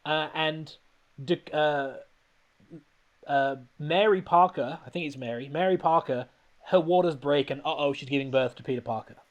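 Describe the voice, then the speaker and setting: A man's voice: on the high side, normal speed, dull audio. A man hosting a podcast, rambling and laughing as he recaps a film in casual comedic chat. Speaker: podcast host.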